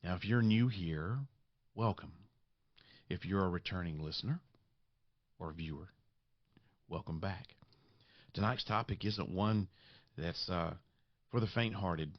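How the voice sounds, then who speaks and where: Raspy, congested deep-voiced man hosting a podcast. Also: a little slow, pauses often, no echo, dull audio. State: congested with sinus trouble, under the weather. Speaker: podcast host. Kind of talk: podcast monologue.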